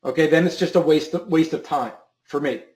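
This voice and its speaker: A slightly high, darkish male voice talks fairly quickly with reverb around it. As host of a live options trading stream, he responds to a viewer loosely, circling back on words and restarting his sentences again and again.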